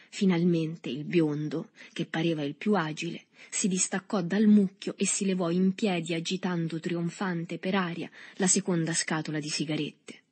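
A woman narrating a novel with a steady literary reading. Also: lowish voice, breathy edge.

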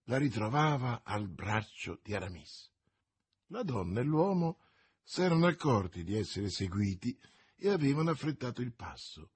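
A man reading a novel aloud as an audiobook narrator, in a measured, expressive way. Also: a little high, slightly rough. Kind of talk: scripted narration.

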